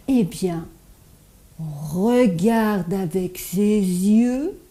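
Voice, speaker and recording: A woman's voice: fairly high pitch, dark tone. A woman voicing a cheerful, eager little child puppet who stutters heavily while telling a Bible story to children. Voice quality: heavy stutter, repeats words many times.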